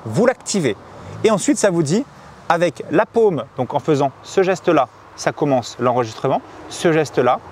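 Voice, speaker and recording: A man giving a casual, chatty camera demo straight to his viewers, full of slang. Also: fairly high pitch. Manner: lively, chatty, addresses viewers directly with slang. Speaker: motorcycle vlogger reviewing a camera. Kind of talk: casual product demo vlog.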